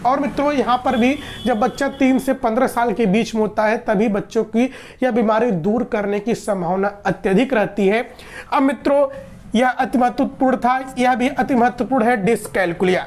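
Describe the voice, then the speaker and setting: A woman's voice: a little high, moderate pace, darkish tone. A woman teacher giving an exam-prep lecture, explaining patiently, repeating points and asking and answering her own questions.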